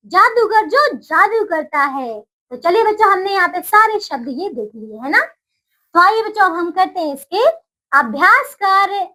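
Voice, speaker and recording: A woman teaching young children in a slow, patient lesson voice. Her voice sits very high and swings widely, and she lifts each new word in a sing-song way so the children can follow along. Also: fairly bright tone, poor audio. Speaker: primary school Hindi teacher.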